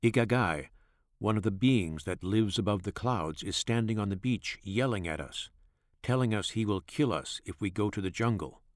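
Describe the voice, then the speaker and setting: An insistent, snappish grown man from a remote village, as a male narrator puts him on, talking in a deep, low voice. The sound is dry and close, with no room around it. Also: animated, moderate pace, no room sound, lightly acted. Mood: impatient. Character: impatient adult Piraha man, village teacher.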